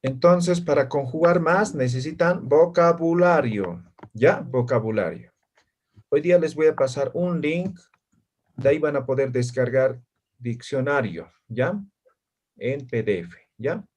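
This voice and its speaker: Male language teacher, patient and explanatory, mid pitch, tags each point with a quick check-in. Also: a little mellow. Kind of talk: online class teaching.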